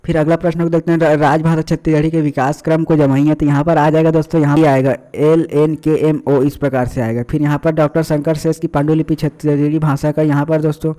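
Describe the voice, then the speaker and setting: A man's voice: a little high, level tone, fast talker, few pauses, dark tone. A man explaining exam answers as a tutor. He addresses viewers as friends and uses many fillers and repetitions.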